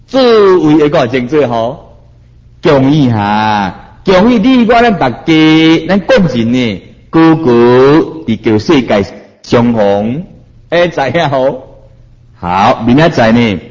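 A man with a Taiwanese Hokkien accent gives a Buddhist sermon, chanting verses slowly and then explaining them with rising exhortation. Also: mid-range voice, big pitch swings, a little mellow, lo-fi sound. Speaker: Buddhist preacher.

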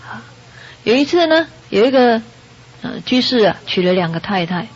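A woman giving a Buddhist sermon to an audience, telling a story in a lively way and acting out the characters' lines. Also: fairly high pitch, moderate pace, breathy edge. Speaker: Buddhist dharma teacher. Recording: dull lo-fi recording.

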